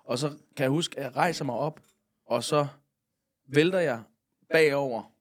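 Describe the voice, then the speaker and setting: A man from Funen chats as a podcast guest, spinning out a long anecdote. He rambles easily, filling the gaps with little hesitations and tossing in casual curses. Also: on the high side. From Funen, Denmark. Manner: rambling, with many fillers and casual swearing. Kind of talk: casual storytelling.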